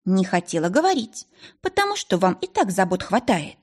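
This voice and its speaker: Woman doing grumpy stern old maid, blunt, bit husky. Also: mid-range voice, sing-song, moderate pace. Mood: grumbling. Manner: grumbling, blunt. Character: stern grumbling older female maid.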